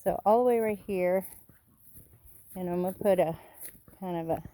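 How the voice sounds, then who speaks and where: A woman's voice: fairly low pitch, moderate pace, dark tone. Chatty woman touring her garden. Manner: chatty, pointing things out while walking outdoors. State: out of breath. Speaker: vlogger giving a garden tour. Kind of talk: casual walking garden tour. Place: outdoors in a rural yard.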